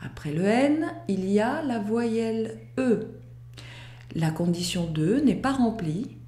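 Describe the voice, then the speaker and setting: A woman teaching a pronunciation lesson, walking through each rule step by step with careful, deliberate enunciation. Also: mid-range voice, expressive, mellow, roomy sound. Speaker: French teacher. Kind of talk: slow, methodical pronunciation lesson.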